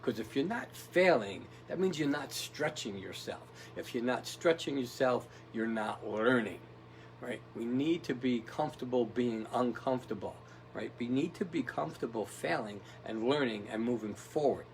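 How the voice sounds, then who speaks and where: A man's voice: mid-range voice, moderate pace, slight background noise, rough recording. A man giving a casual motivational talk, rambling and tough-talking, often checking in with "right?". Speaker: motivational speaker.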